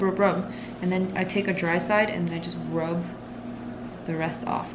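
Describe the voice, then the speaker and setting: A woman's voice: on the low side, very noisy. Chatty young woman vlogging in her kitchen. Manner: chatty, giggly, tip-giving. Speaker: lifestyle vlogger. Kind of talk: casual chat to camera. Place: home kitchen, indoors. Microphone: compact camera on the counter. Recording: background music under the voice.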